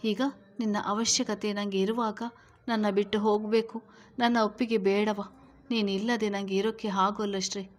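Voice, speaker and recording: A desperate young husband begs his wife to come back to him in soft, low-voiced pleas, read out by a woman narrator. He sounds quiet and close, his words heavy with grief. Storybook reading, medium pitch. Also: level tone, normal speed, close to an everyday voice. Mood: pleading. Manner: soft pleading speech, begging.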